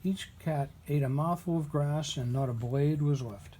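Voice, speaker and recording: A man reading a storybook aloud as a father would, with deliberate, emphatic storytelling. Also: on the high side, warm tone, a little hiss or hum.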